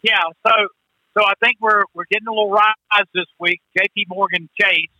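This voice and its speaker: Man, caller, buzzy glitchy phone audio, high voice, very bright and dry, halting restarts. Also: steady tone, no echo, poor audio. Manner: halting, restarts and trails through filler words. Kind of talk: call-in radio chat.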